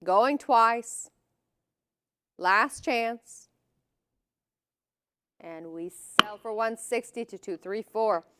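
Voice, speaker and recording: A woman's voice: on the high side, extremely slow, pauses often, very noisy. A woman working as an auctioneer, calling lots and bids in a formal, clipped, repetitive manner.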